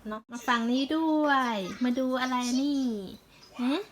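A woman's voice: high voice, unhurried, a little hiss or hum, low-quality recording. A woman with an Isan Thai accent chatting in a casual home vlog, explaining plant care step by step. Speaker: vlogger.

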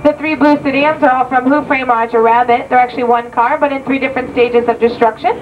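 A woman giving a rehearsed studio backlot tour, pointing out sights in a brisk, informative way, heard on an old VHS home video tape. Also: sits high, steady tone. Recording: muffled, hissy VHS tape from a distance.

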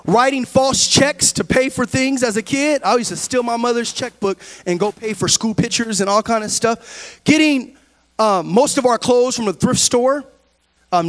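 A middle-aged man preaching a sermon in a large church, on a handheld mic, dropping low and quiet and then rising to shouted preaching. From California. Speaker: pastor.

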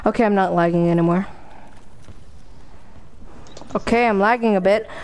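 A woman's voice: mid-range voice, moderate pace, a little mellow, smooth. A woman in casual gaming chat with a slangy, hyped gamer bro way of talking. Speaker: gamer playing co-op.

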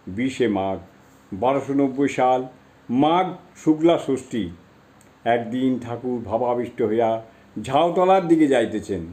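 A man reads a devotional text aloud at a measured, reverent pace. His voice is mellow and warm, sitting at an ordinary pitch. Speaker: reader.

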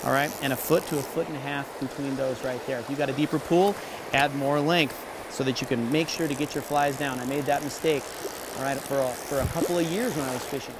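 A man teaching fly fishing outdoors by a river, energetic, checking in with the viewer often. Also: medium pitch, brisk. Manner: energetic, punctuates with "okay?" and "all right?". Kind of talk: outdoor instructional talk to camera. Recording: running stream noise behind.

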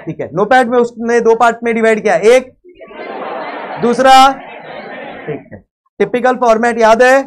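Emphatic high-voiced Indian male lecturer. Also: moderate pace, long pauses, some chatter behind, a little hiss or hum. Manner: asks the class constant check questions; mixes English phrases into Hindi. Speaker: accounting lecturer. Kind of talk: live classroom lecture. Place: lecture hall with a live class.

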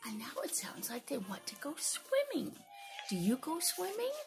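A young woman teacher reading a picture book aloud to young children, animated, with gasps and whispered asides. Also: high-pitched, moderate pace, music in the background.

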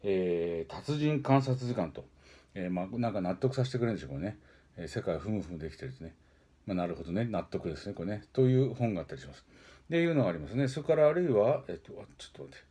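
A man hosting a weekly book-introduction stream, rambling casually with frequent filler pauses and self-corrections. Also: lowish voice, dark tone, breathy edge. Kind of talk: casual spoken book review.

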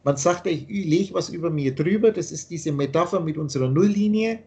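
Belehrender Mann mit hoher Stimme. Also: male voice, a little high, expressive, brisk, warm tone. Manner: repetitive, earnest, lecturing. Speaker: teacher explaining his teaching. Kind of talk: explanatory monologue in a video call. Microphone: video call.

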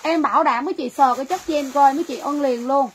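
Speaking quickly in a high pitch, this livestream seller from Vietnam pitches products chattily and keeps repeating herself. Audio quality is poor, and faint noise sits behind her voice.

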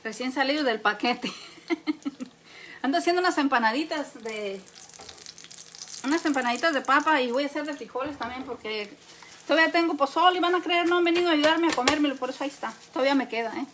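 High-voiced, laughing Mexican woman. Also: fairly quick, a bit bright, slight background noise. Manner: laughs often, chatty, tells jokes to viewers. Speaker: cooking livestream host. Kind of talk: casual chat while cooking. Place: home kitchen, indoors. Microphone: phone held close. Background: faint frying and sizzling.

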